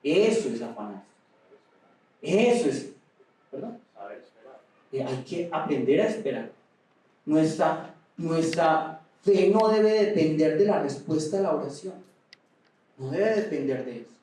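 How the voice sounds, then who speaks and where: A man preaching a sermon with passion, at times raising his voice almost to a shout. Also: fairly high pitch, expressive, a little slow, long pauses. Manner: impassioned preaching, rising to near shouts at times. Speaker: pastor. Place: large echoey auditorium. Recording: echoey hall, mic at a distance.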